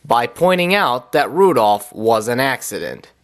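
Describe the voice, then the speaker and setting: A man's voice: mid-range voice, very animated, unhurried. Sarcastic man reviewing cartoons. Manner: sarcastic, wisecracking. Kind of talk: comedic review commentary.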